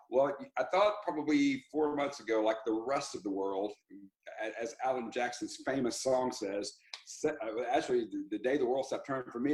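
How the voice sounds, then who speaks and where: A man, a country singer telling stories in an interview, animated and rambling with restarts and laughs. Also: medium pitch, poor audio. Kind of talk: casual interview storytelling.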